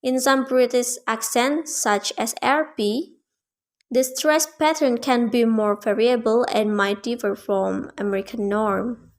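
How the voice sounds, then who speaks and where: A young woman student giving a prepared class presentation, reading in a careful, measured way with small slips. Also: on the high side, steady tone. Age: young adult.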